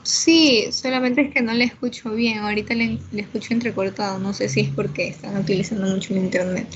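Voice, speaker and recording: A woman's voice: medium pitch, steady tone, a little fast. A woman student answering hesitantly over a choppy, lo-fi online call that sounds like a drive-thru speaker. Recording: dull lo-fi call with faint noise.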